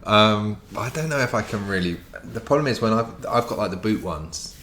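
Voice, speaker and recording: A man with a very low voice and an Essex accent hosts a relaxed chat. He asks questions conversationally as an interviewer. There is clear background noise around his voice. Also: fairly quick. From Essex, England. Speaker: interviewer, podcast host. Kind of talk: casual chat.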